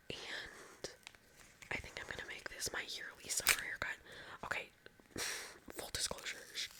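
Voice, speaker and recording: A young woman whispers close to the mic in a relaxed ASMR chat. Her whisper is very bright and crisp, with a congested, stuffy nose and heavy audible breaths. She rambles along, sprinkling "like" through every thought. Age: 20s. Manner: rambling, lots of "like" fillers. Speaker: ASMR creator.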